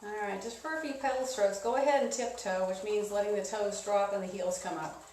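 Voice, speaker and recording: A woman's voice: mid-range voice, steady tone, fairly quick, a little mellow. A woman spin instructor casually coaching riders through a cool-down in an easygoing, encouraging way. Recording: roomy, distant mic, some background noise.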